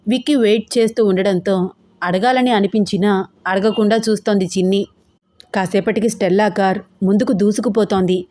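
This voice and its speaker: A woman's voice: mid-range voice, darkish tone, dry recording. Woman narrating an audio story.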